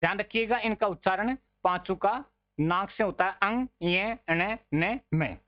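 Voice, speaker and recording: A man's voice: high voice, unhurried, muffled recording. A man teaching an online grammar lesson, patiently repeating words to drill their pronunciation and calling his listeners friends.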